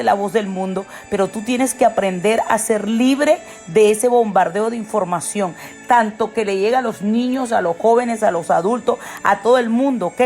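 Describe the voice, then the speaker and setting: Woman preacher with a fairly high voice delivering an emphatic devotional sermon over faint music. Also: a little mellow. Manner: emphatic, repeats "¿ok?" and piles up phrases. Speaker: prophet, preacher.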